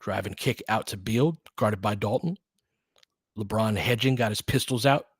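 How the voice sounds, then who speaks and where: A man with a lower-pitched, slightly breathy voice speaks at a moderate pace with no echo. He gives informal live basketball play-by-play with bits of analysis, using clipped, slangy, conversational phrases as a partisan fan of one team.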